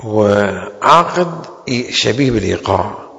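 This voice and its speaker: A man teaching a seminary law lecture. He stretches out key terms slowly and then rushes through quick asides. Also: fairly low pitch, expressive, gravelly, a bit bright. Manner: slow, drawn-out stresses on key terms with sudden quick asides. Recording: long hall reverb.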